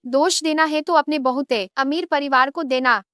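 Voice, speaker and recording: A woman dubbing the role of an older housemaid who is deep in debt, pleading one moment and coldly scheming the next. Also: moderate pace, fairly bright tone, no echo, clean studio sound. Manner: pleading, then cold and scheming. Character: scheming older maid, pleading then greedy. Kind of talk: Hindi drama dub.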